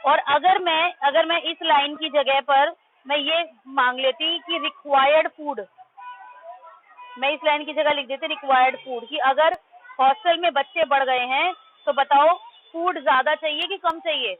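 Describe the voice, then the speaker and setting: Woman teacher, high voice, firm and quizzing, sounds like a phone line. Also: steady tone, moderate pace. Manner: firm, correcting pupils' pronunciation. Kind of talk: online math class.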